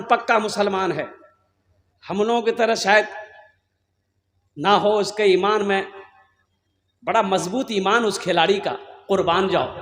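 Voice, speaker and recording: A man preaching a sermon at a gathering, telling stories and asking the crowd questions. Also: high voice. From Kolkata, India. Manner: lively storytelling, rhetorical questions to the crowd. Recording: echoey hall, long reverb.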